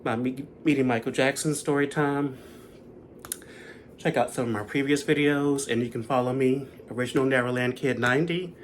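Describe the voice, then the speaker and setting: A concert vlogger in his thirties casually chats through a rambling recap of a concert he attended. His medium-pitched voice has a steady tone and normal speed, with a little hiss or hum in the recording.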